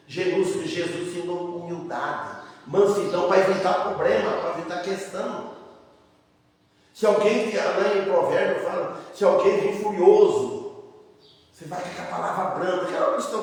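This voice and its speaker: A man's voice: high-pitched, moderate pace. A man, a pastor, preaching a sermon in a plain conversational way, addressing the congregation as brothers and often breaking off and restarting words. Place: church sanctuary. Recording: echoey church hall, mic far off.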